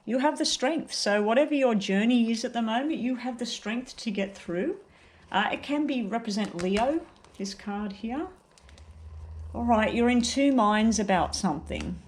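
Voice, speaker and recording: A woman giving a casual, unhurried tarot card reading while suffering from a very sore throat. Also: on the high side. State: very sore throat, may choke up.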